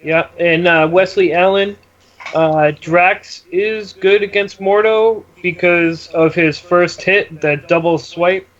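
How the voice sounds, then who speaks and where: A man's voice: high voice, steady tone, slow pace, a bit bright. A man chatting casually as co-host of a gaming show. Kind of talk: casual chat. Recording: dull lo-fi voice chat audio.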